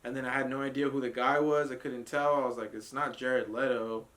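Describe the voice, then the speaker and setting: Reviewing a trailer in a casual group reaction chat, a male podcast co-host rants bluntly and profanely, laughing often. His voice sits at medium pitch with fairly even intonation, a brisk pace, and a slightly bright tone.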